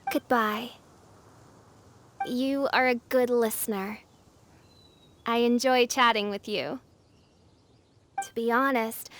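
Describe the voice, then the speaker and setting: A woman's voice: on the high side, a bit bright, a little hiss or hum. A woman playing a theatrical teenage girl who poses as a grandiose gothic princess in an overacted anime game dub, speaking in pompous, archaic phrases. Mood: wistful, formal. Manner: pompous, archaic, melodramatic delivery.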